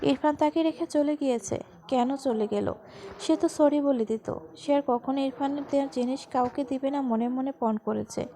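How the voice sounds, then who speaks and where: A woman narrating a romantic family story as a storybook reading in a steady, even manner. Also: high voice, moderate pace.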